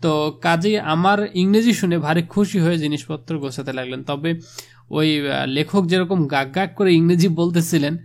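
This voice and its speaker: Gravelly man explaining a lesson. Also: a little high, steady tone, normal speed, a little mellow. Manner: casual, conversational, with frequent filler affirmations. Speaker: teacher. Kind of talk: explaining a literature text to students.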